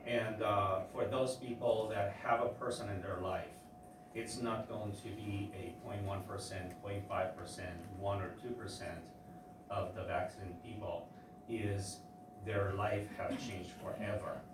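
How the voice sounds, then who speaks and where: A man giving public testimony at a hearing, halting with many fillers and restarts. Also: lowish voice, steady tone, background noise. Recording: echoey hearing room from far off.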